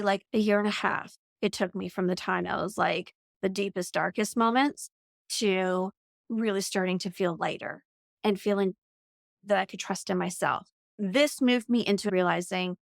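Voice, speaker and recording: A woman's voice: medium pitch, vocal fry, no room sound. Earnest, reflective woman guest, dry sound. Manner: earnest, reflective, frequent "like" fillers. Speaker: podcast guest, coach. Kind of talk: conversational storytelling.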